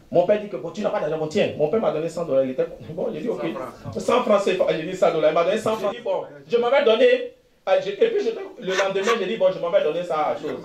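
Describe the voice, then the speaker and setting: Male pastor, high-pitched, animated testimony sermon, echoey hall sound. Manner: animated storytelling, frequent "frères et sœurs" addresses, laughs and shouts. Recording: echoey room.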